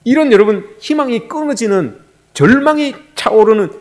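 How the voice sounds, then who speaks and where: A man's voice: extremely high pitch, lively intonation, normal speed. A male pastor preaching a sermon, often turning to the congregation with rhetorical questions.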